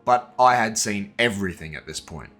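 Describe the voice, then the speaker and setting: A man's voice: fairly low pitch, animated, moderate pace, a bit bright, soft background music. A man narrating a scripted exposé in a casual, blunt and profane manner, with sardonic asides aimed directly at the person he is exposing. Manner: sardonic, addresses his target directly.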